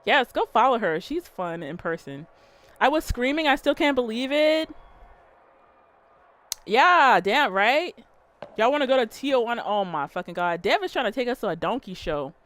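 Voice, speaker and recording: Lively, profane woman streamer. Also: a little high, normal speed. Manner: profane, animated, talks straight to chat. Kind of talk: casual livestream storytelling and chat.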